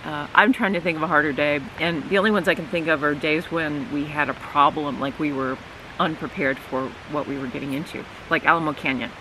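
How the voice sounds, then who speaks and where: A man's voice: fairly high pitch, steady tone, brisk. A middle-aged man casually recapping a hard hiking day at an outdoor campsite, talking around a candy in his mouth. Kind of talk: casual chat. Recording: outdoor hiss and stream noise.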